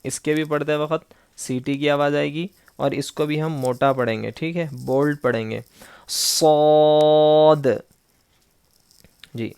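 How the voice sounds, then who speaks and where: Male teacher, online recitation lesson, long drawn-out letters, quick asides, crisp voice, dry close mic. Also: fairly high pitch, fairly even intonation, no echo. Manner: slowly drawn-out letter sounds between quick explanations; patient, instructive. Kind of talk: online Noorani Qaida lesson.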